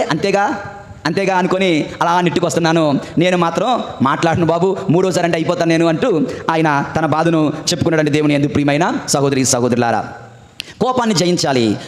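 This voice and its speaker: A man who is a priest, preaching a sermon with stories and repeated refrains. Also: high-pitched. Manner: storytelling preacher with repeated refrains and call-and-response. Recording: echoey church hall.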